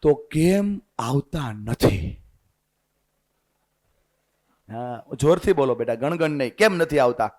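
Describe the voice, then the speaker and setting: A man's voice: medium pitch, expressive, slow pace, long pauses. A man giving a motivational seminar talk to students, rousing them with call-and-response. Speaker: motivational speaker. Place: hall full of students.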